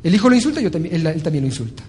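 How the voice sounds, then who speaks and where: Husky man giving a pep talk. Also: a little high, racing. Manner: animated, acts out stories with voices. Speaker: motivational speaker. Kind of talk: motivational talk.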